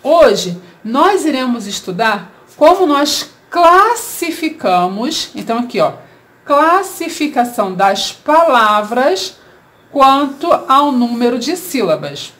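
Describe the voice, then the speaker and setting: A woman with a Brazilian Portuguese accent teaching a children's grammar lesson, explaining slowly and asking rhetorical questions. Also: high voice, big pitch swings, a bit bright.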